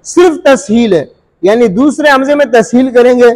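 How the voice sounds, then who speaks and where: A man teaching Quran recitation rules, repeating each point and asking the listener rhetorical questions, sometimes drawing out sounds slowly to demonstrate. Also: very high-pitched, darkish tone, low-quality recording. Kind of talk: Urdu tajweed lesson.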